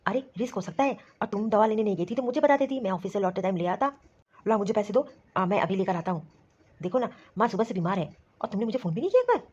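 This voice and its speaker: A woman voicing a worried son and scolding husband in an animated story, talking quickly and insistently. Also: medium pitch, breathy edge, highs cut off. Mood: concerned, scolding. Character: grown son and worried husband, office worker.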